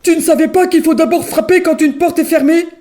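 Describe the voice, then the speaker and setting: A woman's voice: very high voice, steady tone, a little fast, warm tone, voice pushed up. A woman voicing a big, grumpy father bear who grumbles his displeasure in a storybook reading. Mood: scolding.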